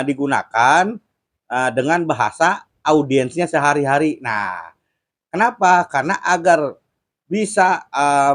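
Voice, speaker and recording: A man's voice: medium pitch, fairly bright tone. A man hosting a casual commentary chat, explaining points patiently and laughing at his own jokes. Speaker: host.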